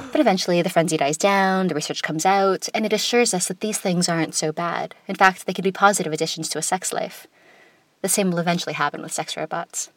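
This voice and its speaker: A woman with a lowish voice hosts a podcast, reading a scripted opinion piece over background music. Her delivery is smooth, composed and conversational, with wry touches.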